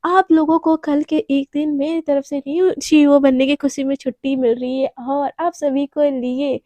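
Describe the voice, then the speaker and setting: A woman's voice: high voice, little pitch movement, normal speed, warm tone, dry recording, close to an everyday voice. A woman voicing a cheerful new male boss in a spoken love story, making a breezy announcement.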